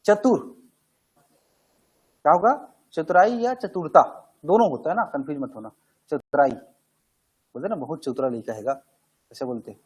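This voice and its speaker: Male grammar teacher, high husky voice, asks and answers his own questions. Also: expressive, moderate pace, long pauses, low-quality recording. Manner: conversational, asks questions and answers them himself. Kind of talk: classroom grammar lesson.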